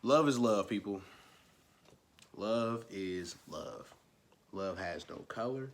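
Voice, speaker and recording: A young man talking straight to the camera in a casual, rambling opinion rant. He repeats himself and swings between low mumbles and loud, emphatic bursts. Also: lively intonation, slow pace. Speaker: vlogger.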